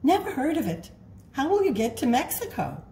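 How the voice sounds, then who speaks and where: A woman's voice: sits high, very animated, moderate pace, mellow, echoey room, a little hiss or hum, pitched above the performer's own voice. A woman voicing a skeptical little ant who asks doubtful questions while reading a storybook aloud. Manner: doubtful, dismissive.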